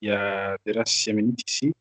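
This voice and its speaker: A man's voice: lowish voice, flat delivery, fairly quick, fairly bright tone, dry recording, poor audio. A male student answering a question in an online class, hesitant and restarting as he explains.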